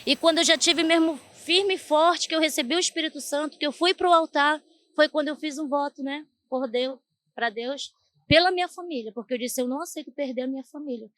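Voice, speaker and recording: A woman's voice: sits high, fairly quick, fairly bright tone. A woman giving an earnest church testimony, often turning to address the pastor. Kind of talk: emotional personal testimony.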